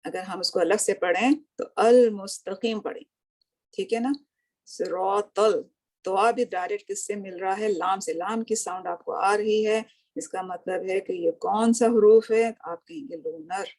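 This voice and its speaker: A woman's voice: medium pitch, a little mellow. A woman teaching Arabic grammar in a recorded lesson, asking questions and answering them herself, drawing out each word she recites, with English words mixed into her Hindi. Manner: slow, patient, drawn-out recitation of words. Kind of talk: recorded lesson, explaining line by line.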